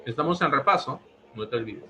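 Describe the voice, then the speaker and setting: A man's voice: medium pitch, animated, a little fast, sharp tone, a little hiss or hum, poor audio. A man teaching a language lesson, repeating each answer several times. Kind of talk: pre-university language lesson.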